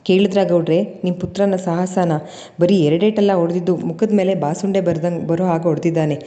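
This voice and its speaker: A woman's voice: on the low side, steady tone, a little fast, dark tone, natural voice. A woman voicing a teasing young man who speaks in a mocking, playful way. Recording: long reverb.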